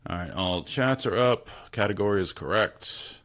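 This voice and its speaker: Streaming games from a small spare room at home, a man with a low, slightly bright voice talks casually with viewers at a normal speed and pokes fun at himself. A desk mic gives the live-stream chat a slightly tinny sound with faint noise.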